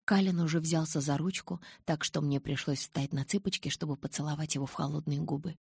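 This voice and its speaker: A woman narrating a first-person audiobook in an emotive, lively storytelling manner. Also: low voice, a little fast, vocal fry, slightly rough, no room sound, clean studio sound.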